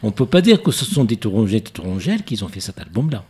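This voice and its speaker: A man's voice: fairly low pitch, sing-song, fast talker, dark tone, husky. A man from Morocco hosting a radio interview, asking questions while hesitating and searching for words. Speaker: radio host.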